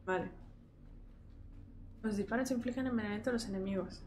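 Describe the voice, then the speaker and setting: A woman's voice: mid-range voice, brisk, darkish tone. A young woman with a Spain Spanish accent giving casual gameplay commentary as a streamer, shrieking and swearing at the action, then reading item menus aloud to herself.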